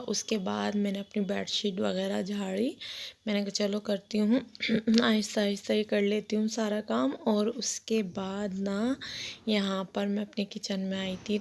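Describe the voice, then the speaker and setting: A young woman with a slightly hoarse voice, chatting through a homely voice-over of her daily routine for her vlog. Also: medium pitch, darkish tone. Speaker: vlogger. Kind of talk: casual daily-life vlog narration.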